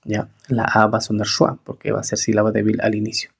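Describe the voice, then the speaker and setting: A man teaching English pronunciation, slowly repeating each word several times. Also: fairly low pitch, monotone, vocal fry, breathy edge. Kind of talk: pronunciation lesson. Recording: dull, lo-fi recording.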